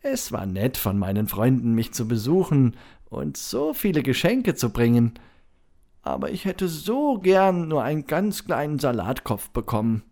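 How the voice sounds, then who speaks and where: A storyteller voicing a gentle, modest female turtle who speaks softly and politely in a children's storybook reading. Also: medium pitch, big pitch swings, unhurried. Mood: wistful.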